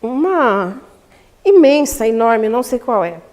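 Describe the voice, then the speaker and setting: A Brazilian woman lecturing at a spiritist center seminar in a community hall teaches public speaking, talking emphatically and asking the audience questions, with a Brazilian Portuguese accent. Her voice is on the high side with big pitch swings, a measured pace, and a darkish tone, and the recording carries long hall reverb.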